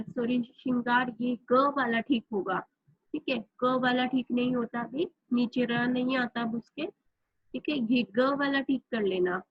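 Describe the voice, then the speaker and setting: A woman's voice: a little high, dry recording, lo-fi sound. A woman teacher who explains a grammar lesson step by step, spelling out words letter by letter. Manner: explains step by step, often says "theek hai".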